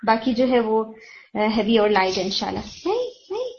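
A woman's voice: on the high side, fairly even intonation, creaky, darkish tone. A woman teacher giving patient, detailed feedback on Quran recitation, explaining pronunciation step by step. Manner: patient, explanatory, mixes English terms. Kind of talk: tajweed feedback lesson. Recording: dull lo-fi audio with faint hiss.

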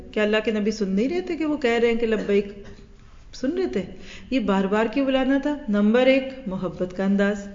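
A middle-aged woman teaching a hadith lesson, lively and warm with listeners, acting out everyday exchanges in little voices. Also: medium pitch. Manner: animated, acts out everyday dialogue in voices. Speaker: religious teacher. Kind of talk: hadith lecture. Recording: echoey hall, dull lo-fi sound.

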